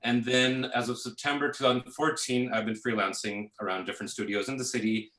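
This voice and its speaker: Man from Pakistan, bright and roomy. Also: medium pitch, a little fast. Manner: relaxed, full of fillers like "uh" and "you know". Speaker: guest, visual effects artist. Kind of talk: casual interview answers.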